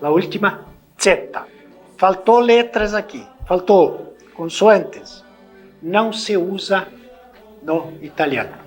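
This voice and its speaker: A man's voice: high voice, slow pace, long pauses, faint music behind. A man from Brazil with a Brazilian Portuguese accent, giving a spoken language lesson. He spells out letters and sounds one by one and often adds tag questions. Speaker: language teacher.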